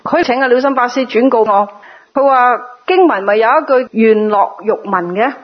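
A woman teaching a Buddhist sutra in a sermon, explaining patiently and now and then mimicking others in a lively voice. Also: on the high side, moderate pace, dull audio.

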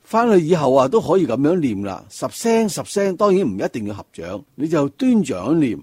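A man, a Buddhist monk, giving a slow and deliberate dharma talk that explains how to recite. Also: on the high side, very animated, a little mellow, slightly rough, dry recording, studio quality.

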